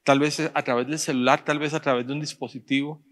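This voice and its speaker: A man, a pastor preaching a sermon in church, speaking directly to the congregation and slowing down to stress his points. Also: a little high, fairly even intonation, fairly bright tone. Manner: direct, addresses the congregation, rising emphasis and slow stressed phrases.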